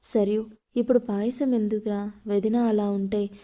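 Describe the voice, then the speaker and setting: A woman's voice: mid-range voice, normal speed, lightly acted. Teasing brother, read by a woman. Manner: flat, even reading of lines. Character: teasing young man, protective brother.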